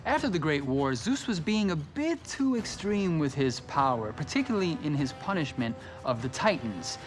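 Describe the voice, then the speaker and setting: A man's voice: fairly high pitch, big pitch swings, normal speed. A man giving explanatory, storytelling commentary as a documentary interviewee. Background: music.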